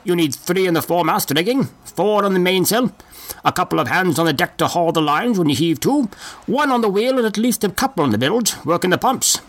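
A man voicing a chatty, folksy old male passenger with a slow drawl. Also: high-pitched, animated, pitched above the performer's own voice. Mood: curious. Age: older.

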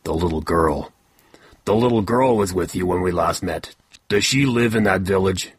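A man voicing a bald adult male poacher, a villain with a low sneering voice. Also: normal speed, husky, no room sound. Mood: menacing.

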